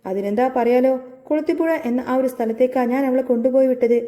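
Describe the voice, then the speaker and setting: A woman reading the lines of a calm, soft-spoken father who keeps a family secret. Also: high-pitched, fast talker, close to an everyday voice. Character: older Kerala father, calm, guarded and reassuring.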